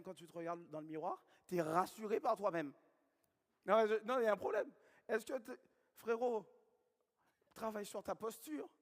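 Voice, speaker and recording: A man with a Guadeloupean accent giving a network marketing training seminar, repeating key points and questioning the audience. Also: high-pitched. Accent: Guadeloupean French. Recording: long hall reverb.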